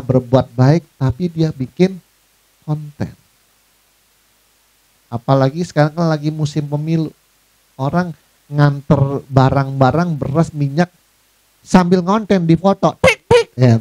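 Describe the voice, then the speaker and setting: Lively higher-voiced man preaching. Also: dry recording. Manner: lively, acts out mocking voices of proud people; addresses listeners as Pak, conversational. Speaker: pastor. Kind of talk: sermon.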